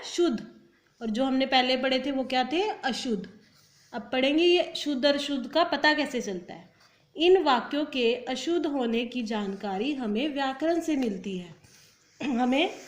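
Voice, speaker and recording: A woman teacher giving a recorded grammar lesson. She asks questions and answers them herself, reads example sentences slowly, and mixes in English words. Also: high voice, roomy sound. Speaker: school teacher.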